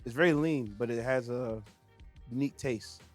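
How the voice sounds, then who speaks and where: A man's voice: mid-range voice, moderate pace, faint music behind. A man co-hosting a podcast, joking and laughing in casual chat. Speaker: podcast co-host.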